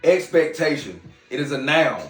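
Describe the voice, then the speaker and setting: Speaking straight to his audience, this man hosts a loose podcast monologue in a hookah lounge, sounding brash and preachy with a slight Southern US twang. His pitch runs a little high, his delivery is expressive, and he talks at a normal speed. The mic is far away, so the sound is roomy, with background music.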